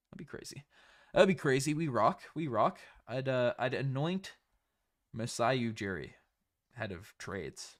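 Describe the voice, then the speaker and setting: A man's voice: medium pitch, fairly bright tone. A man from Canada with a light Newfoundland accent, hosting a casual sports livestream and often repeating phrases for emphasis.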